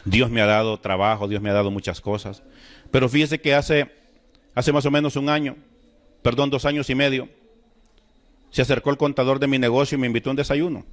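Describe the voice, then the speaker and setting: A man's voice: mid-range voice, little pitch movement, a little fast, long pauses. A middle-aged man giving a personal faith testimony at a fellowship gathering. He speaks earnestly to his listeners and acts out remembered dialogue. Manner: earnest storytelling that addresses listeners directly.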